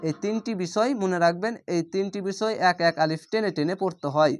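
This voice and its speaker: Teaching Quran reading, a high-voiced man goes through each letter and vowel mark patiently, spelling them out one by one. Afterward he stretches out the Arabic words slowly in this spelling-style recitation lesson.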